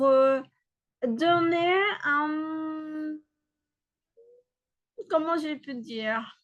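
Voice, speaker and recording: Woman w/ teaching french online, high voice, slow and patient. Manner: slow, explains step by step, switches between French and Spanish. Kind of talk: online class lecture.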